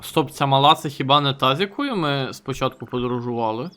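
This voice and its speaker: A man streaming a role-playing game, chatting fast and excitably with his chat, swearing and reading game text aloud. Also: medium pitch, soft background music. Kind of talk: casual game stream commentary.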